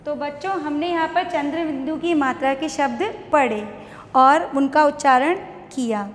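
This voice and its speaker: A woman with an Indian accent teaching young children an online lesson, spelling words slowly syllable by syllable. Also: sits high. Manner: slow, syllable-by-syllable spelling aloud. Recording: echoey room with long reverb.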